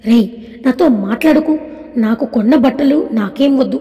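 A woman's voice: a little high, moderate pace, highs cut off, lightly acted. A woman voicing a feisty, playful young woman who teases and bosses her friend. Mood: sulky. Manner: teasing, bossy, lively. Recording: echoey room with long reverb.

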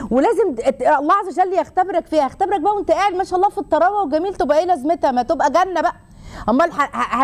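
High-pitched fast-talking Egyptian woman. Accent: Egyptian Arabic. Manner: animated, acts out quoted speakers, frequent restarts. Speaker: host, counselor. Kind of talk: casual spoken lecture.

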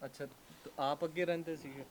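A man from Punjab, India, interviewing a grieving family in a gentle, prompting and consoling way. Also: on the high side, fairly even intonation, normal speed, background noise. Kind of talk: field interview.

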